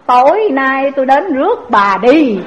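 Cheeky young novice monk, played by a woman preacher, quick and high-voiced. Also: sing-song. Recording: dull lo-fi recording.

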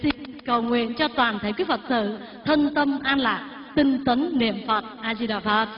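Older Buddhist nun, slow unhurried delivery, call-and-response recitation, echoey temple hall. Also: female voice, on the high side. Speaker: Buddhist nun teaching the Dharma. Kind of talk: Dharma talk with chanting. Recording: echoey hall, dull lo-fi sound, faint music.

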